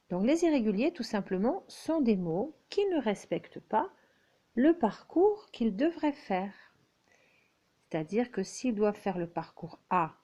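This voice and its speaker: A woman's voice: mid-range voice, mellow. A woman whose first language is French, teaching beginners at a whiteboard, patient and checking in often with her class. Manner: slow, patient, checks in with "d'accord?". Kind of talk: explaining at a whiteboard. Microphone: handheld camera.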